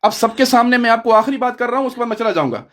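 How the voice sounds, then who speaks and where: A man's voice: very high-pitched, a bit bright. A man in a heated online debate, combative and lecturing, often talking over his opponent.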